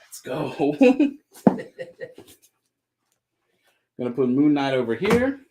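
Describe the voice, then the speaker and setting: A man hosting a live comic book sale, running through items with upbeat, joking pitchman patter. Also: sing-song, moderate pace, noisy background. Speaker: host selling comics on a live stream. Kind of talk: live sales chat.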